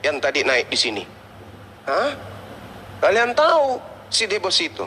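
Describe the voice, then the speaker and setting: A man's voice: high voice, wildly swooping pitch, unhurried, bright, forceful tone, a little hiss or hum. A man, hosting a debate channel and scolding someone in an angry, threatening rant.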